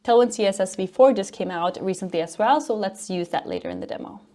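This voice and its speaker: Fast and mellow at a medium pitch, a front-end developer and educator from Norway gives an upbeat, informal technical talk at a conference.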